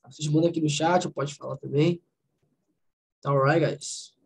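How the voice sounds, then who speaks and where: A woman with a Brazilian Portuguese accent leads an online English class over a video call. She repeats English words slowly, breaks them down sound by sound and keeps checking that her students follow. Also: low-pitched, steady tone, vocal fry, slight background noise, rough recording. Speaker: English teacher. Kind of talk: online conversation class, explaining pronunciation.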